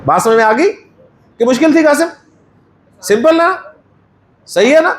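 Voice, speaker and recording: A man's voice: extremely high pitch, expressive, a little slow, echoey room. A male teacher with a Pakistani Urdu accent giving a Quran Arabic lesson in a mosque class, patiently quizzing students and praising their answers.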